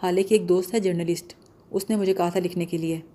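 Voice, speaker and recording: A woman's voice: on the low side, fairly even intonation, dark tone, lightly acted. A woman reading an audiobook voices a determined young woman law student, speaking in an earnest, insistent way.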